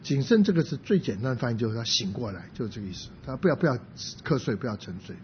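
A man's voice: sing-song, fast. A man preaching a sermon, explaining by asking rhetorical questions and now and then dropping in English words. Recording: dull lo-fi sound with faint rumble.

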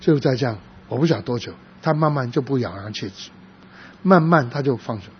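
A man preaching in a sermon, telling a story from his church work in a halting, soft-spoken way, with frequent restarts. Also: mid-range voice, lively intonation. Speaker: pastor. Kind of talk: sermon testimony. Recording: dull lo-fi with faint noise.

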